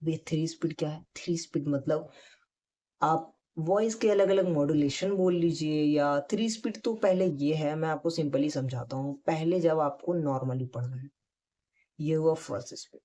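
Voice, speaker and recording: A man explains acting techniques in a relaxed tutorial, speaking straight to his viewers. His tone is mellow and warm, never sharp. He talks in a direct, encouraging way and leans hard on his key points. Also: on the high side, normal speed. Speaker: acting teacher. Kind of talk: casual spoken tutorial.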